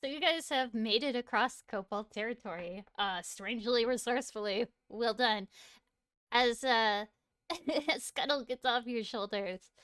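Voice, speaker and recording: Brief: female DM, mid pitch, dry close mic, descriptive narration of an online tabletop game. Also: a bit bright, clean tone, dry recording. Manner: descriptive, often laughing. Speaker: dungeon master.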